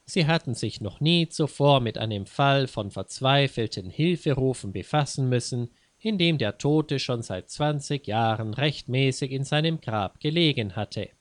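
A man narrating a story slowly and clearly for learners, pausing to explain idioms. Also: medium pitch, lively intonation, no room sound. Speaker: narrator and language teacher.

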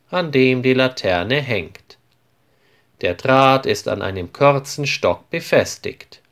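A man narrating a children's story slowly and clearly, in an articulated reading style. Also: medium pitch, a bit bright. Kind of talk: storybook narration for language learners.

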